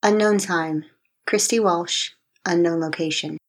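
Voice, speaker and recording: Female audiobook narrator, low and slightly husky, steady and measured. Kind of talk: scripted first-person narration.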